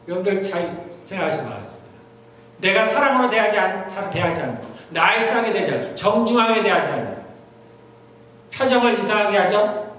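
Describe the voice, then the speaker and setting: High-voiced pastor in an echoing church. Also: male voice, fairly bright tone. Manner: conversational preaching with repeated phrases. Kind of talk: sermon. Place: church sanctuary. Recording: very echoey church hall, faint noise.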